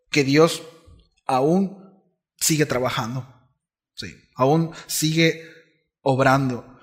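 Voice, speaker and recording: A man preaching a sermon as pastor, conversational, often checking in with his congregation, shifting between soft asides and loud, emphatic declarations. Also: on the high side.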